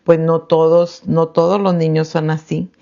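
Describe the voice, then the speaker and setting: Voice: medium pitch, flat delivery, unhurried, creaky. A podcast co-host in a parenting talk who listens closely, affirms often, and adds her own points in conversation. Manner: affirming listener, frequent soft acknowledgments. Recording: dull lo-fi podcast audio.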